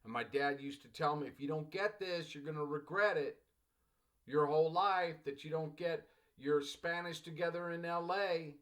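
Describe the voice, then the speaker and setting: A man with a fairly high, somewhat bright voice talks at a moderate pace. He's a middle-aged college English teacher from Los Angeles, United States, delivering a recorded lecture in a loose, rambling way, repeating phrases and often calling his students "class."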